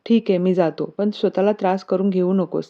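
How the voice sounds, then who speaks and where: A woman voicing a confident, playful young man in love, talking gently, on a dull lo-fi recording. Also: on the low side, steady tone, a little fast, natural voice. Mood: tender.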